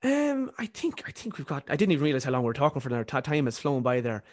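Young Irish man with a softened Cavan accent. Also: mid-range voice, very animated, no room sound, clean studio sound. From County Cavan, Ireland. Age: early twenties. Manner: halting, repeats words as he thinks. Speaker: podcast guest, university student. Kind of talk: reflective conversational interview.

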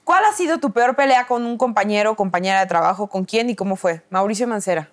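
A woman in her thirties with a Mexican accent, a guest telling a story in a dramatic, animated way in casual chat. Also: medium pitch, fast talker.

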